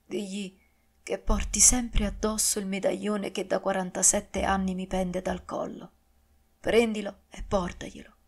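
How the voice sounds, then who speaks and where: Dying old-world duke, quiet and solemn, last wishes, read by a woman in a storybook reading. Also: mid-range voice, level tone, unhurried. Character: dying male duke, grave and tender.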